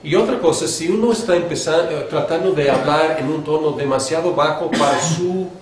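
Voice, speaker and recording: A Mexican homiletics teacher leads a seminary class on preaching, speaking conversationally with fillers and restarts while demonstrating changes in pitch and pace with his own voice. He talks a little fast. The lecture room is echoey, with faint background noise and crowd sounds.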